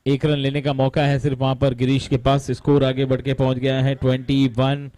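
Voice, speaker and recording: A man's voice: mid-range voice, completely flat delivery, a little fast, warm tone. A man with an Indian accent doing live cricket commentary, dramatic, with rhyming wordplay and some English mixed in for the scores.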